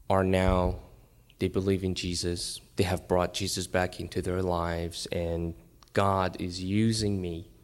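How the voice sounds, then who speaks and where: A middle-aged man from Iran sharing his faith testimony at a church men's breakfast, earnest and acting out scenes in loud bursts. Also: sits low. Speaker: guest speaker at a men's breakfast. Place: church gathering.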